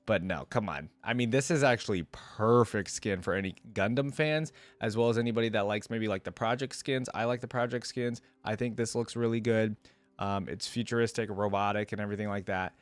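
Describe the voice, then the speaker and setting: Speaking a little fast with a fairly low voice and no echo, a man reacts casually on video, rambling and voicing strong opinions while reading parts aloud.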